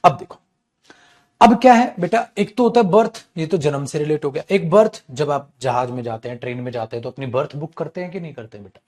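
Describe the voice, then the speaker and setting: A man giving an animated classroom lecture as an English teacher, repeating his key points. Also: a little high, brisk.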